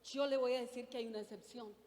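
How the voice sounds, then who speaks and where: A woman's voice: fairly high pitch, steady tone, quick pace, darkish tone, long reverb tail. A middle-aged woman preaching a sermon, earnest, putting questions to the congregation. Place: church.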